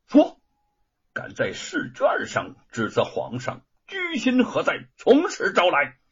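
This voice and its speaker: A man's voice: high-pitched, wildly swooping pitch, slow pace, fairly bright tone, husky, voice pushed up, full character voice. A man voicing a cruel jailer in a told story, barking orders with a sneer. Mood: interrogating. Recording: dull lo-fi recording.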